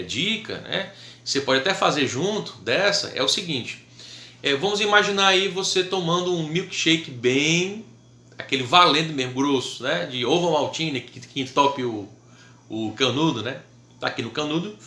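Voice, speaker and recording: A Brazilian man gives a relaxed harmonica lesson with a bright, forceful tone. He moves at an easy pace and keeps checking in with short tags. The room around him has a noticeable echo. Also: on the high side. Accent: Brazilian Portuguese. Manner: patient, checks in with "tá?" and "né?" often. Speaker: harmonica teacher. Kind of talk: casual video lesson.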